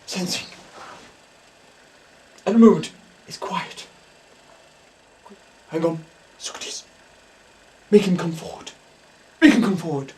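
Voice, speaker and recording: A man playing a hammy spoof psychic medium who speaks in halting, dramatic whispers and gasps in a comic mock documentary. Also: high voice, darkish tone, far from the mic, slight background noise. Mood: hushed. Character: hammy male stage psychic, breathy and theatrical.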